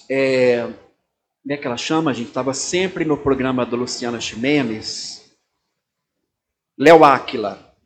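A man with a Brazilian Portuguese accent, a pastor giving an informal talk and often checking in with his listeners. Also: on the high side. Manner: conversational, keeps turning to listeners with tag questions.

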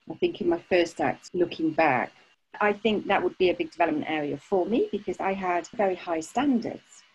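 A woman speaking as a podcast guest, telling her own story in a frank, emphatic and animated way. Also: lowish voice, breathy edge, rough recording. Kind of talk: candid personal storytelling.

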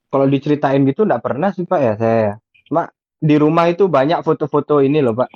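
A man's voice: a little high, fairly quick, no room sound, muffled recording. A younger man, answering politely and laughing along in an improvised comedy skit. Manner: deferential, laughing, says "Pak" often.

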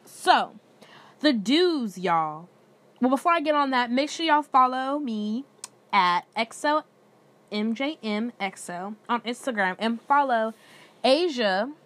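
A woman's voice: fairly high pitch, animated, takes it slowly, fairly bright tone. A woman, talking loose and slangy with plenty of cursing, calling her listeners y'all. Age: 20s. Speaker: podcast host. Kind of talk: casual solo podcast chat.

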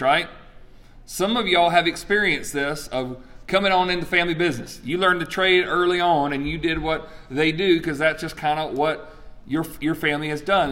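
A pastor in his forties with a somewhat high male voice, preaching with emphatic storytelling. He often throws questions to the congregation and answers them himself. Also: a bit bright. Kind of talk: sermon.

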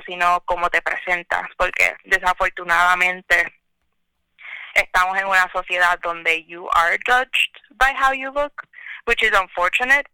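A young woman with a very bright, crisp voice chats casually in Spanglish over a phone line. Her pitch stays fairly even as she slips English words into her Spanish. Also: dry recording. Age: young adult. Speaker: podcast guest. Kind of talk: casual chat.

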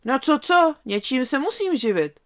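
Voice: high voice, sing-song, fairly bright tone, pitched above the performer's own voice. A storyteller voicing a cheeky, kind-hearted young male lamb. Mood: eager.

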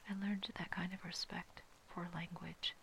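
A person from Hawaii giving a slow, reverent, fully whispered commentary on Bible passages. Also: mid-range voice, little pitch movement, creaky, sharp tone, slight background noise, rough recording. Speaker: devotional Bible reader.

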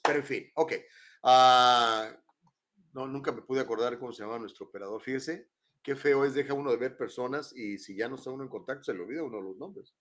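A man's voice: medium pitch, fairly quick, fairly bright tone. An older man with a Mexican accent hosting a live show from his home, chatting in a rambling way and tagging questions onto his sentences. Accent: Mexican Spanish. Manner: rambling, chatty, keeps adding tag questions. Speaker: host. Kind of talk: casual live-show chat.

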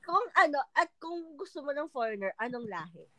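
A woman in casual chat, talking in an animated way and laughing often. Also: high voice, a little fast. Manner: animated, laughing, Taglish chatter.

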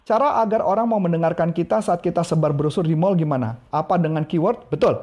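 A man teaching a casual live-streamed sales coaching lesson, animated and chatting with viewers, laughing often. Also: fairly high pitch, fast talker, highs cut off. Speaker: NLP coach.

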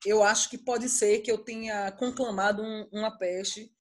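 A woman's voice: mid-range voice, fairly even intonation, normal speed, darkish tone. A woman, telling family stories in a casual chat and animatedly acting out her kids' voices. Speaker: podcast co-host.

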